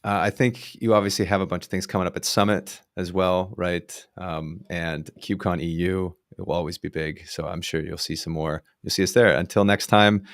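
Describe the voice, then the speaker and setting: A man hosting a casual tech podcast, talking in a relaxed, chatty way with plenty of fillers. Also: low-pitched, moderate pace, hardly any pauses, no room sound, studio quality. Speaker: podcast host.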